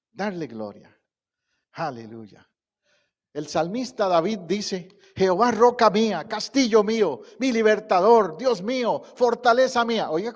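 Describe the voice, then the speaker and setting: A middle-aged pastor delivers his sermon at a slow, deliberate pace, swelling into emphatic recitations of scripture. His voice sits a little high for a man, and it carries a long reverb from the church hall around him. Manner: slow, deliberate pacing with pauses. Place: church sanctuary.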